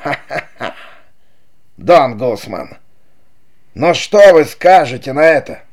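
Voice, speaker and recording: A man's voice: medium pitch, slow, darkish tone. A man voicing a vengeful, mocking male chief who taunts his brother in an audiobook, sneering and cruel. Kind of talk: audiobook character reading.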